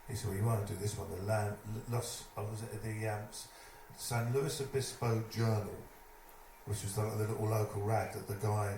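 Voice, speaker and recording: A man telling a lively stage anecdote, putting on other people's voices as he goes. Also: fairly low pitch, moderate pace. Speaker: storyteller at a live evening event. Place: live event venue, indoors. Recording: echoey room, distant mic, noisy.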